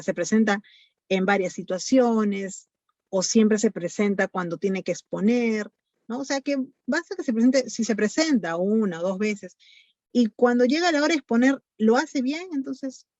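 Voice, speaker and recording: A woman's voice: mid-range voice, a little mellow, dry recording. A woman psychologist with a Peruvian Spanish accent, explaining things to parents in an online talk, with lots of fillers. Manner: explanatory, many fillers like "eh" and "este". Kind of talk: online talk answering questions. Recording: dull lo-fi dry sound.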